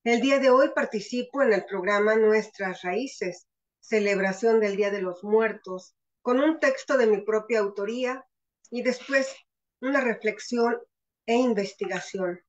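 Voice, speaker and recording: A Mexican woman, a writer, giving a formal, measured presentation with a Mexican accent. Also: a little high, lo-fi sound. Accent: Mexican Spanish. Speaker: guest speaker, writer.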